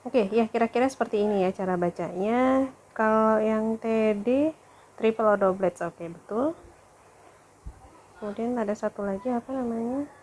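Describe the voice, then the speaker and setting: A woman's voice: fairly high pitch, moderate pace, darkish tone, a little hiss or hum. Woman lecturer thinking aloud. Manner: thinks aloud, with fillers and self-corrections. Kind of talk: recorded lecture clarification.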